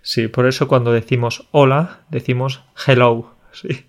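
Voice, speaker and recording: A man's voice: mid-range voice, steady tone, measured pace, gravelly. Playful man co-hosting a podcast. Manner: friendly teasing, playful. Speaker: podcast co-host. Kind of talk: casual chat about Spanish loanwords.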